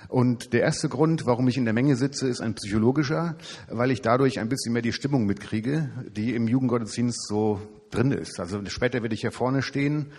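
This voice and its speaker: Casual male evangelist, husky, chatty sermon delivery, handheld mic in a reverberant hall. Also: mid-range voice, brisk, darkish tone. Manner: chatty, informal, self-deprecating humor. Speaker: youth evangelist preacher. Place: church service hall. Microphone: handheld microphone. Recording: hall reverb from a church room.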